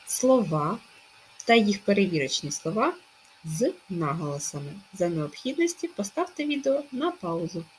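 Woman teacher stretching words out slowly. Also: on the low side, slight background noise. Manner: slow, stressed word-by-word dictation. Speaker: primary school teacher. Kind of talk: recorded remote lesson for children.

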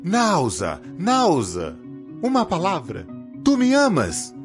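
Man as a desperate young lover, impassioned, wide swings in pitch, clear music behind. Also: huge pitch swings, slow, heavily acted. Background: background music.

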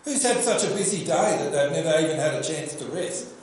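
Older Australian pastor preaching in echoey church. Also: male voice, a little high, brisk. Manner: animated storytelling, asks the congregation questions. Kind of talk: sermon. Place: church hall with projection screen. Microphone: lectern microphone.

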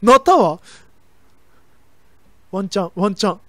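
A young woman streamer chatting excitedly through a horror game, with sudden shrieks. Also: medium pitch, measured pace, no echo. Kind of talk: let's play commentary.

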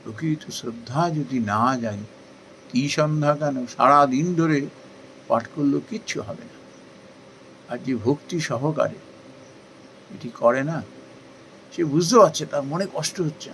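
A man giving a devotional talk in an earnest, persuasive way, asking questions and then answering them himself, with rising emphasis that softens again. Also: a little high, moderate pace, long pauses, a little hiss or hum, poor audio. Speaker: spiritual speaker. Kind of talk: devotional discourse.

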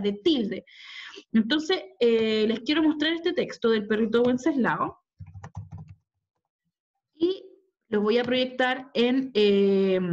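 A woman teacher with a Chilean Spanish accent explains spelling rules in a recorded online lesson, often saying "eh" and checking in with "¿ok?". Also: fairly high pitch. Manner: explanatory, with frequent "eh" fillers and "¿ok?" check-ins. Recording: dull lo-fi computer audio.

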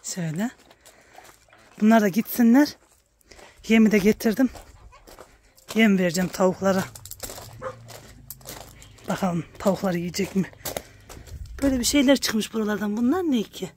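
A woman vlogging about her village life, chatting warmly with her viewers and calling out to her animals in a high coaxing voice outdoors. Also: moderate pace, long pauses, a little hiss or hum. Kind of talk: casual vlog narration to viewers. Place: outdoors at a village farmyard and garden.

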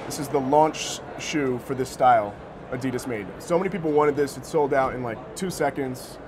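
At a moderate pace and with a mid-range voice, an American co-founder in his thirties fields interview questions in relaxed, slangy speech. The setting is an indoor sneaker shop showroom, and background noise comes through clearly.

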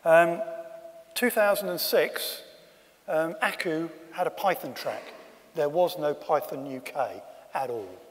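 Male conference speaker, fairly high voice, dry humour, long hall reverb. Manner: wry, self-deprecating asides. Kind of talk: conference talk. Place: conference room.

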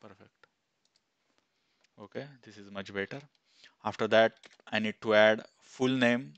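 A man in his thirties, an instructor, talking step by step through a screen-recorded software tutorial on a headset mic, with fillers as he goes. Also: lowish voice, steady tone, measured pace, clear, resonant tone, dry recording. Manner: plain step-by-step, thinking aloud with fillers. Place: small room indoors.

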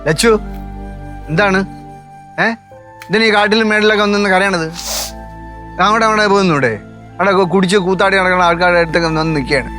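An actor playing a stern, sensible uncle who scolds and reasons in a TV sitcom. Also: male voice, high-pitched, fast, long pauses, pushed and bright. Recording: TV sitcom with music underneath.

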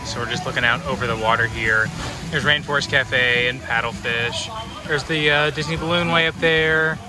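A man chatting casually to his phone camera as a vlogger, upbeat and quick to laugh. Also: medium pitch, steady tone. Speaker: travel vlogger. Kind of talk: casual vlog chat. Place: busy store and lakeside outdoors at night. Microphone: handheld phone camera.

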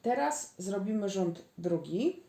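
Lady explaining crochet stitches real slow, counts them out loud, roomy echo. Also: medium pitch, animated, vocal fry. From Poland. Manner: slow, patient instructions, counting stitches aloud. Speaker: crochet instructor. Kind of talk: step-by-step crochet tutorial. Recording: echoey room.

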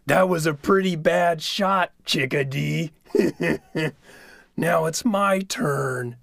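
A storyteller voicing a boastful, greedy male coyote trickster who gloats loudly and cackles. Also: medium pitch, extremely slow, creaky, no echo, voice pushed up, exaggerated voice. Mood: gloating. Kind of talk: oral storytelling.

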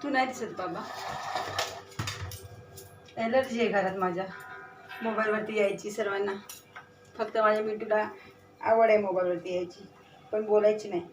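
A woman's voice: mid-range voice, fairly even intonation, moderate pace, long pauses, distant mic, faint music behind. A woman chatting casually to viewers and her pet bird while she cooks dinner at home. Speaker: home cooking vlogger. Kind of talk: casual kitchen vlog chat. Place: home kitchen. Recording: echoey kitchen from off-mic. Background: clatter of pots and dishes.

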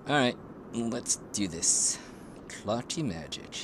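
Slow and lively in intonation, a lowish-voiced man comments on a video game in a loose, playful way, reacting and echoing what characters say. Game music sits under his voice along with some background noise.

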